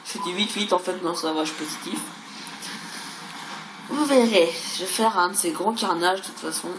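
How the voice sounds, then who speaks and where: A woman's voice: on the low side, normal speed. A woman giving casual, rambling gameplay commentary, stammering over and repeating words, with some mild swearing. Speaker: gaming video creator. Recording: roomy echo, clearly noisy background.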